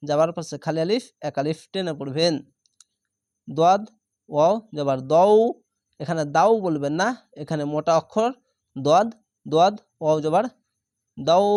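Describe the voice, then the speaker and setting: Male teacher, patient and repetitive, spells syllables slowly in a dry, close recording. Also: on the high side, dry recording. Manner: patient, repeats syllables and drills pronunciation. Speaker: Quran reading teacher. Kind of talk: slow spelling-out recitation lesson.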